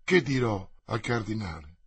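A man's voice: on the low side, expressive, normal speed, husky, no echo, pitched below the performer's own voice. A man voicing a fiery young male musketeer in an audiobook, declaiming with passion. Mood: anguished.

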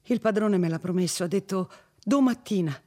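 A man's voice: sits high, sing-song, moderate pace, voice pushed up. A man doing a fretful, pleading old woman. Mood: pleading peevish. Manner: pleading, peevish.

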